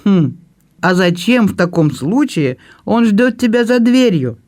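A man reading an audiobook and voicing a gentle older brother who speaks softly and jokes kindly. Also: high voice, sing-song, unhurried, voice pushed up. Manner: soft, kindly, gently joking.

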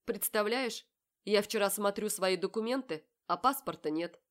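A woman's voice: mid-range voice, moderate pace, pitched above the performer's own voice, natural voice. A woman reading an audiobook, voicing a cold, self-assured young man who speaks in a curt, mocking way. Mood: menacing. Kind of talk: audiobook character voice.

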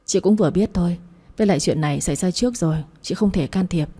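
A woman doing a calm peacemaking sister. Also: fairly low pitch, fast, breathy edge. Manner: calming. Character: calm middle sister trying to settle things.

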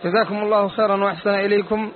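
A man with a high, flat voice formally reads out questions from the audience, opening each with a blessing. He sounds tinny and distant, with faint background noise. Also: racing.

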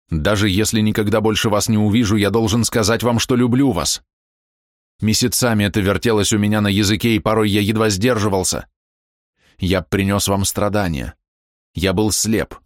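A man reading aloud and voicing a desperate, lovesick married man in a slow, heavy, low delivery. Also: fairly even intonation, no echo, clean studio sound, close to an everyday voice. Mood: yearning. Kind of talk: audiobook character reading.

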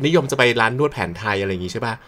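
A man hosting a radio talk show, firing off quick follow-up questions to a caller. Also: fairly low pitch, expressive, fairly bright tone. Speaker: radio host.

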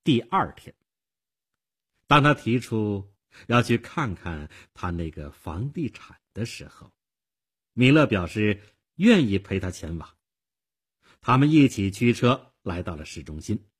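Husky guy reading a radio story real slow, voice goes up and down a lot, lowish. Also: very animated.

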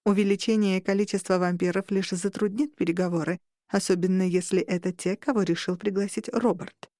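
Female audiobook narrator, mid pitch, dead-dry booth sound. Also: fairly even intonation, a little fast, dark tone, no room sound. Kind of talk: first-person audiobook narration.

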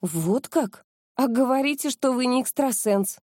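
A woman reading the part of a bold, quick-witted young woman in an audiobook. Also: sits high, animated, a little mellow, no echo, studio quality, voice pushed up. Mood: brisk.

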